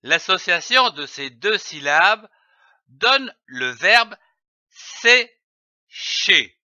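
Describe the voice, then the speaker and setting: A man teaching children to read, in a slow instructional drill, deliberately spelling out each syllable letter by letter. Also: sits high, big pitch swings, bright, forceful tone, no echo. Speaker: reading teacher. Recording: dull lo-fi dry recording.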